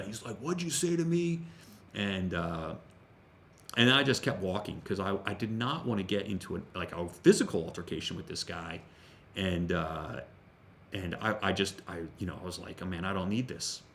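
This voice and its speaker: A man's voice: low voice, a little hiss or hum. A man, a jiu-jitsu instructor, telling a story in a casual workout talk, rambling with frequent restarts and fillers and the odd swear word.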